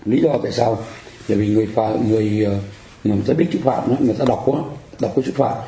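A man's voice: lowish voice, quick pace, dark tone, roomy sound, a little hiss or hum. A man teaching a Buddhist lecture, explaining terms patiently and often asking the audience whether they follow. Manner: explanatory, repeats phrases, asks the audience for agreement. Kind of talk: dharma lecture.

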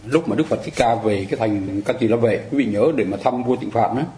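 A man's voice: medium pitch, fairly quick, dark tone. A man giving a conversational dharma lecture, often asking his listeners rhetorical questions. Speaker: Buddhist dharma teacher. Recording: roomy echo, faint ambient noise.

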